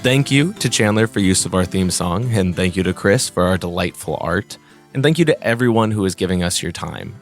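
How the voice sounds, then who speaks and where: A man hosting a tabletop game podcast, narrating scenes slowly and descriptively as game master. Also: low-pitched, animated, soft background music. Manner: slow, descriptive storytelling with fillers.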